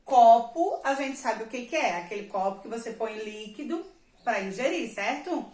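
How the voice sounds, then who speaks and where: A woman's voice: fairly high pitch, lively intonation, normal speed. A woman teacher, patiently explaining a reading lesson to young children, drawing out the example words and checking in often. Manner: stretches and stresses example words. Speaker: primary school teacher. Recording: echoey room.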